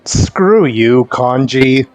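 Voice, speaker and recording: A man's voice: mid-range voice, lively intonation, very slow. A man giving casual commentary as a game streamer, with a sardonic, exasperated manner and free swearing. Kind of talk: casual commentary over gameplay.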